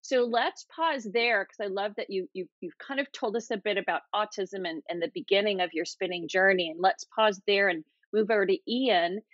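A woman's voice: medium pitch, moderate pace, hardly any pauses, a bit bright, no room sound. A woman in her thirties hosting an interview, upbeat and affirming, speaking from a home office. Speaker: host, senior advisor. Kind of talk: video call interview. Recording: dull lo-fi video call audio.

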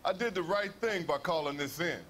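An actor playing a defensive young working student in a video game. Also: male voice, sits high, brisk, a bit bright. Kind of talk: video game dialogue acting. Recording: faint ambient noise.

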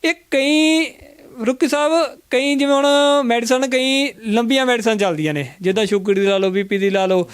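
A man, an herbal remedy practitioner, explaining home cures in a health interview and acting out his patients' words in an animated way. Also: extremely high pitch, moderate pace, smooth, dry recording.

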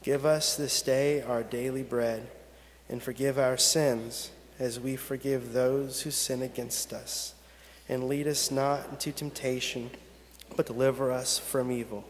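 A pastor in his thirties speaks from a church pulpit into a gooseneck microphone. His phrasing is slow and measured, with long pauses between lines. The sanctuary gives his mid-pitched voice a long, ringing reverb. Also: little pitch movement, a little hiss or hum. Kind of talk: pastoral prayer and scripture reading.

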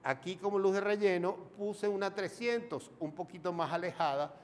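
A man's voice: sits high, moderate pace, long reverb tail. A Venezuelan man teaching film lighting in a chatty, informal video lesson, asking himself questions as he explains. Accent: Venezuelan Spanish. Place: home studio in front of a green screen.

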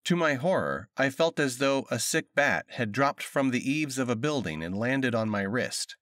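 A man narrating an audiobook with expressive storytelling, recorded close on a USB condenser mic in a sound-treated home studio. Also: mid-range voice, moderate pace, no echo.

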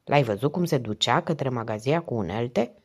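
Calm middle-aged police inspector, voiced by a female audiobook reader: low, unhurried, gently encouraging. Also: exaggerated voice. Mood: probing. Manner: calm, encouraging, measured questions.

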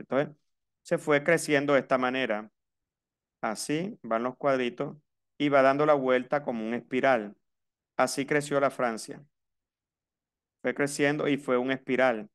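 A man with a Colombian coastal accent teaches a language class and moves between two languages as he goes. His voice is smooth and clear at an ordinary middle pitch. He explains patiently and repeats key words so his students can follow. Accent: Colombian Caribbean coast. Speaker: French teacher. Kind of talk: classroom lesson, mixing Spanish and French.

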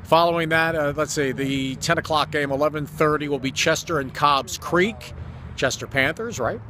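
Recorded on a phone held at arm's length outside a sports complex, this fifty-something announcer and interviewer ad-libs a promo with effusive enthusiasm. His voice is on the high side, bright and forceful, at a moderate pace, and background noise fills the video.

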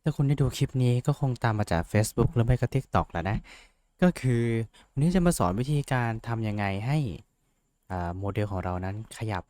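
A man's voice: mid-range voice, expressive, moderate pace, mellow. A young man casually talking through a tutorial, rambling and joking at himself, with lots of fillers. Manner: rambling, self-mocking, chatty with fillers. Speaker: VTuber tutorial host. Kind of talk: casual screen-share tutorial.

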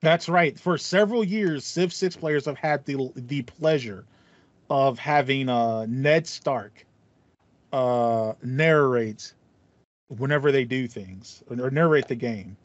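This man in his thirties talks at a slow pace in a mid-range voice. As a podcast co-host, he chats about video game music casually and enthusiastically, rambling as he explains. His headset on a video call from a small foam-paneled room at home gives slightly muffled, dry audio with no room sound.

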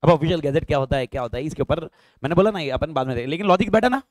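A man's voice: a little high, lively intonation, racing, no echo, studio quality. A man teaching law in a live online lecture, asking his students questions and answering them himself, mixing Hindi and English.

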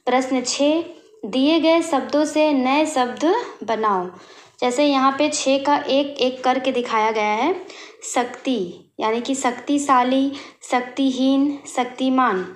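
High-pitched woman teacher going over a worksheet slow and patient, echoey room. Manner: slow, explaining step by step while writing. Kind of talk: worksheet walkthrough lesson.

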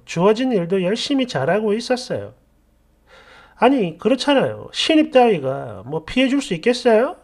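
A woman's voice: medium pitch, a little mellow. A woman narrating a first-person workplace story in a chatty, indignant, confiding way.

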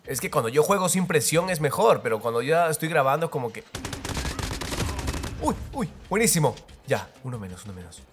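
A man giving live, excitable commentary over his own gameplay, repeating words in rapid bursts and cheering. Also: mid-range voice. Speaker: mobile game player and creator. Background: faint game music and gunfire.

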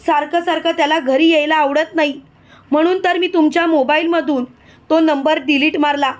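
A woman's voice: sits high, steady tone, moderate pace, close to an everyday voice. A woman voicing a sly young wife who complains and hides her secrets. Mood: complaining. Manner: complaining, shouting.

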